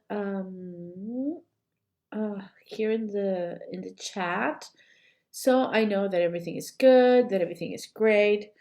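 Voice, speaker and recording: A woman coach with a flu and a slightly hoarse voice, teaching a live online class and chatting with viewers, often apologizing. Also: mid-range voice, warm tone. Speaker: cake decorating coach. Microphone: computer mic while streaming.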